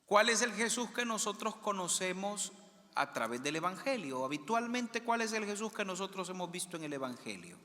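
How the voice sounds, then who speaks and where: Priest preaching in an echoing church. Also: male voice, high-pitched, very animated, moderate pace, bright, forceful tone. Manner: questions the congregation and repeats their answers. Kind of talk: interactive homily. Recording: long church reverb.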